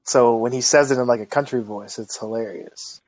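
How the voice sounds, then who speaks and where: A man in his thirties co-hosting a podcast, chatting in a relaxed, rambling way with plenty of fillers. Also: mid-range voice, normal speed, no room sound. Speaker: podcast co-host. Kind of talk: casual chat.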